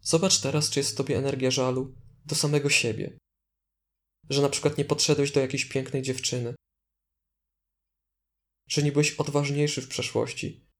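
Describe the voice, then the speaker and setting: Male meditation guide, mid-pitched and level, calm, deliberate delivery with gentle instructions.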